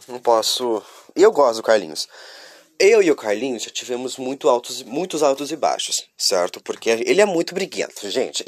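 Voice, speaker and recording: A man's voice: mid-range voice, no room sound. A man from Curitiba, talking to viewers in a rambling, confessional vlog while stuffy from a cold. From Curitiba, southern Brazil. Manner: rambling, talks straight to viewers. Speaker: vlogger. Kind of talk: casual confessional monologue.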